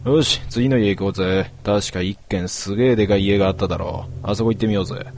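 A man playing a rough young man who talks in blunt, gruff slang. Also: lowish voice, fast talker, darkish tone, a little hiss or hum, natural voice.

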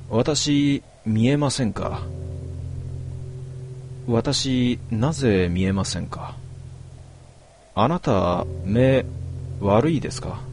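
A man voicing an eerie old woman ghost who speaks in halting, broken polite phrases. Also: medium pitch, darkish tone, a little hiss or hum. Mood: eerie, insistent.

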